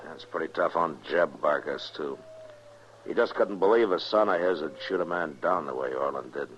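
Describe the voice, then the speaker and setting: A very low male voice on a muffled, slightly noisy old radio recording. This American frontier marshal is grave, steady and plain-spoken, with firm authority. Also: moderate pace. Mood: sober, questioning. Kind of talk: old-time radio western acting.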